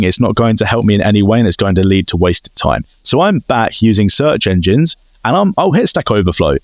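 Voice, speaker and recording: A man's voice: medium pitch, dry recording. A man co-hosting a podcast, telling stories in a casual chat and acting out both sides of conversations. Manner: animated storytelling, acts out exchanges. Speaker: podcast co-host.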